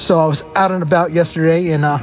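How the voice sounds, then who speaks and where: A man who calls in to the show, heard through a recorded voice message. He talks in a relaxed, friendly way and often pauses on "uh". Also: fairly high pitch. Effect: recorded voice message played on the show. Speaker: listener calling in. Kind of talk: casual chatty voicemail. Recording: muffled lo-fi voicemail audio with faint music.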